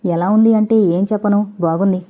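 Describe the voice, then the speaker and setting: A woman voicing a reserved young husband who speaks quietly and with restraint. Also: mid-range voice, steady tone, fairly quick, natural voice. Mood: subdued. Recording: tinny, phone-like recording.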